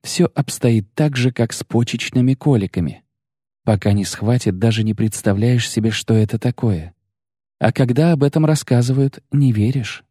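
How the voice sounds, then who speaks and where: A man's voice: mid-range voice, moderate pace, warm tone, breathy edge, no room sound, clean studio sound, close to an everyday voice. A man voicing a sly, sensual young sorceress in an audiobook reading, teasing, coaxing and self-assured. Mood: musing.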